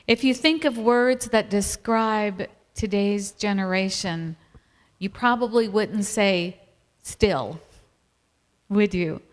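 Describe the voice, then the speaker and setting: A middle-aged woman from Virginia, USA, co-presents a family ministry talk, telling stories warmly and laughing often. Her voice is medium in pitch and her pace is slow. The recording was made in a reverberant hall.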